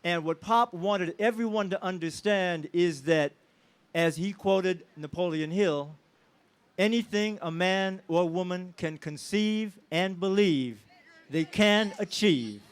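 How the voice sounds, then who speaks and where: High-voiced man giving an emotional tribute. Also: slow, clean tone. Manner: emotional, preacher-like call-and-response with the crowd. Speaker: family member giving a tribute speech. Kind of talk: public speech at an outdoor celebration. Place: outdoors at a street celebration.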